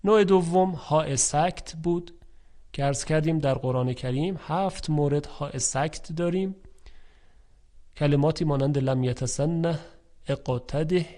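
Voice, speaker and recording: A man teaching a tajwid lesson on Quran recitation. He explains calmly, asks and answers his own questions, and recites example words slowly and loudly. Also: on the high side.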